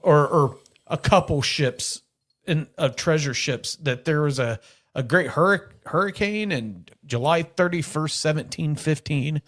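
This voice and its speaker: A middle-aged man talking loosely on a podcast, wandering through his points and correcting himself as he goes. He laughs easily and keeps a relaxed, chatty flow. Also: a little high, unhurried. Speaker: podcast host. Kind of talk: casual chat.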